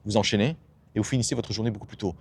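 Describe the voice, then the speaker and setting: A man's voice: on the low side, steady tone, very fast, darkish tone, slightly rough. A man giving an emphatic motivational monologue as a self-development coach, asking himself rhetorical questions and dropping blunt slang.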